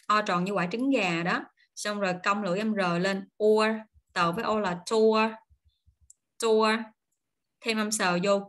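A woman at a middle pitch runs an online pronunciation lesson. She stretches each model word out slowly, then rattles off friendly, quick explanations between them. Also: fairly bright tone. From Vietnam. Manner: slow, drawn-out model words, then quick chatty explanations. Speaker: English pronunciation teacher.

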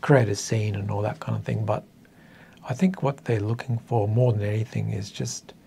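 A lowish, dark voice with vocal fry and a steady tone belongs to this Australian author in his fifties from northern coastal NSW, who speaks at a moderate pace. Interviewed in a small indoor meeting room, he reflects casually, hesitantly and thoughtfully, in a self-deprecating way. There's a little hiss or hum.

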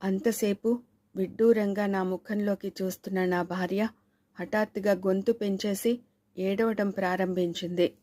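A woman narrating a suspense novel in a steady, measured reading voice. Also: mid-range voice, no room sound. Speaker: audiobook narrator.

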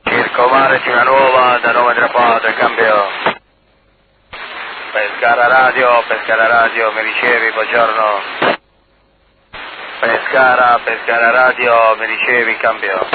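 A man's voice: medium pitch, little pitch movement, unhurried, long pauses. A man making formal marine radio calls over a VHF walkie-talkie, repeating the call signs and signing off each call. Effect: heard over a VHF marine walkie-talkie radio. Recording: narrow-band VHF radio with loud static.

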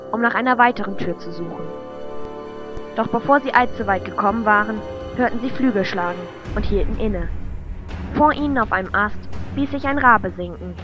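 Narrating a fantasy audio drama from a script, this woman's mid-range voice sounds close to how she'd normally speak. Loud music plays behind her in a muffled, lo-fi amateur recording.

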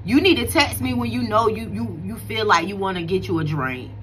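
Sitting in a bright room at home with a phone camera close by, a woman in her thirties shares casual devotional encouragement with her viewers on her faith vlog. She speaks earnestly, preachily and conversationally, restarting often, her mid-range voice fairly quick and a bit bright, with a little hiss or hum.

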